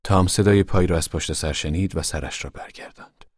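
A man giving measured, solemn scripted narration of a novel for a radio drama. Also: low voice, dry recording, clean studio sound.

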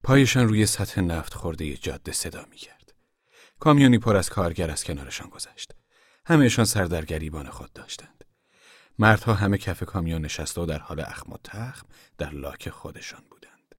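A man reading a novel aloud as an audiobook narrator in a calm, steady way. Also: low-pitched, slightly rough, no echo, clean studio sound.

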